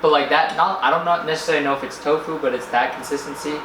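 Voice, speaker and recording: A man narrating a casual food vlog in a rambling, halting way, often searching for words. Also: on the high side, steady tone. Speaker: food vlogger. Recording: echoey room with faint background noise.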